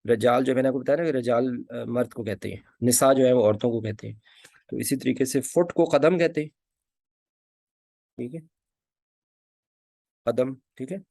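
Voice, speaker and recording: A male teacher talks through a casual lesson, stopping often to hesitate and repeat words. His voice has a gravelly fry to it. The recording is dry and close, and his voice drops off now and then as he turns away to write. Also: medium pitch, moderate pace, pauses often, a little mellow, dry recording. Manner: hesitant, many fillers, repeats key words. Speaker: anesthesia teacher. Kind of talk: informal spoken lesson.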